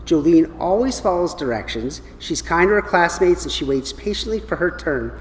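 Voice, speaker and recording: A man's voice: a little high, animated, moderate pace. An American man giving school morning announcements and reading out student awards, speaking directly and encouragingly to children. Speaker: school principal or staff announcer. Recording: reverberant hall with background noise.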